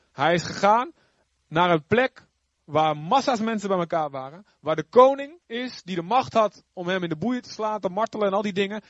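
A man teaching a Bible story in a casual, animated way, acting out the characters' lines. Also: sits high, dry recording, dull audio. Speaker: youth preacher.

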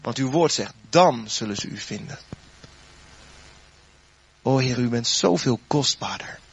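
A man preaching a sermon, then leading a spoken prayer, his voice swelling loud and dropping soft. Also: medium pitch, animated, a little slow, husky, lo-fi sound.

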